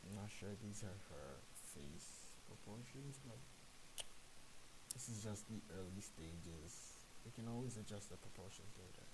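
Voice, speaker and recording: Speaking in a low-ish, unhurried voice with lively intonation, a man from Nigeria chats while sculpting on his live stream. He works as a streamer and 3D sculpting artist, and he sounds casual yet self-conscious, nervous and hesitant. A hissy microphone picks him up.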